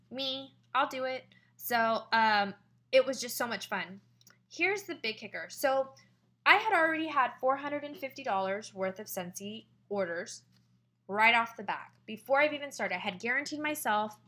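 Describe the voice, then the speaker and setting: A young woman chatting to camera about a party she hosted, excitable and full of fillers. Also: a little high, moderate pace. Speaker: direct sales consultant sharing party tips. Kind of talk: casual vlog monologue.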